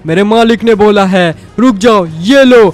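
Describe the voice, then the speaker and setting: A man's voice: high voice, unhurried, soft background music. A man voicing a taunting Hulk henchman. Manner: taunting, gloating. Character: evil Hulk henchman, gloating bully. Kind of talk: game story voice acting.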